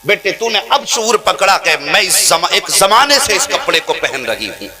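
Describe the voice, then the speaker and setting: A man preacher voicing a poor widowed mother who speaks softly and sorrowfully. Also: high voice, big pitch swings. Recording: clear music behind the voice.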